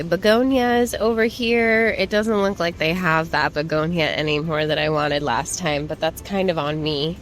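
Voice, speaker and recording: A woman with a slightly low voice talks at a slow, unhurried pace, as in a casual shopping haul vlog. She rambles informally to her viewers, remarking on things as she browses. Music plays softly behind her. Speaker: plant shopping vlogger. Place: plant shop.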